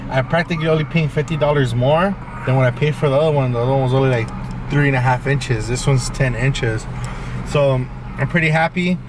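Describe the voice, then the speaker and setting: A man's voice: medium pitch, brisk, distant mic, background noise. A young man chatting casually in a car at night, rambling with lots of fillers and restarts. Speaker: fish-keeping vlogger. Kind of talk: casual chat. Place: inside a parked car at night.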